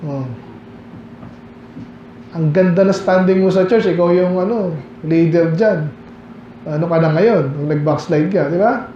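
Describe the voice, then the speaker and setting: A man's voice: fairly high pitch, measured pace, pauses often, mellow, roomy sound, lo-fi sound, a little hiss or hum. A male pastor with a Filipino accent, preaching a Bible study in a chatty way, asking his listeners questions and reading old scripture verses aloud. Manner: conversational preaching with rhetorical questions, reads King James verses aloud. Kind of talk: Baptist sermon, Bible study. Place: church hall.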